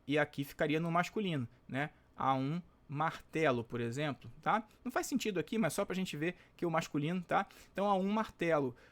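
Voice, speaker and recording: A Brazilian Portuguese-accented male teacher, going through exam questions and checking in with the class after nearly every sentence. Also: fairly high pitch. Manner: chatty, checks in constantly with tag questions; stretches out example words slowly. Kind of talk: exam-prep lesson solving test questions.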